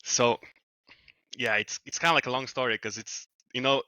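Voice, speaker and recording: A Slovenian wilderness guide in his twenties, with a Slovenian accent, tells stories as a guest in a casual interview from a small room at home over a headset video call. He's relaxed, laughs often, and trails off mid-sentence, in a mid-range voice at normal speed with a dry recording.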